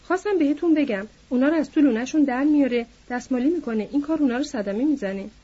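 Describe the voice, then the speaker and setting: A woman's voice: high voice, dark tone, husky. A woman voicing a worried male stable hand who reports carefully and dutifully, in a storybook reading. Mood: concerned. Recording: dull lo-fi audiobook recording.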